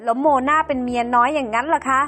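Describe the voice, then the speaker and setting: A proud middle-aged wife in a home-made game drama, hurt but firm with her husband, voiced by a woman. Her voice sits high, with faint music behind. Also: fairly even intonation, fast, fairly bright tone.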